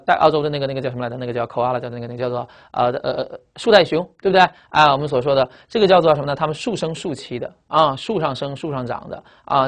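A male teacher runs through English vocabulary at a brisk, quick clip. He repeats each key word several times and keeps asking rhetorical questions. His voice sits at an ordinary pitch for a man. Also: a bit bright. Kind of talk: recorded vocabulary lecture.

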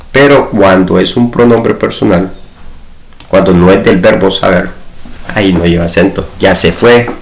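A man teaching a grammar lesson, patiently repeating slow examples. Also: low voice, gravelly. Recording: echoey room.

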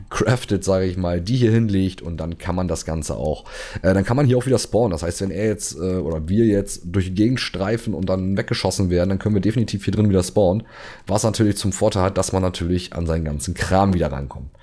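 A man talks through a game in a casual, chatty commentary, laying things out step by step. His voice sits a little low, with a soft, mellow tone. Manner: chatty, many fillers and restarts, explains step by step. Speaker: gamer showing a game build.

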